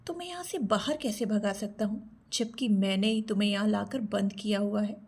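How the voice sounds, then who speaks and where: A woman voicing a cruel, threatening young man who holds a girl captive, in her own husky narrating voice. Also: medium pitch, brisk, darkish tone. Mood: cold. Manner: cold and threatening.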